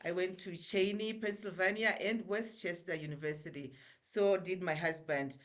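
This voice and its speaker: A woman's voice: on the low side, fairly even intonation, moderate pace. A middle-aged woman with a Zimbabwean accent, a guest telling her story in a casual interview over a remote call, full of fillers and restarts. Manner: chatty, with many fillers and restarts.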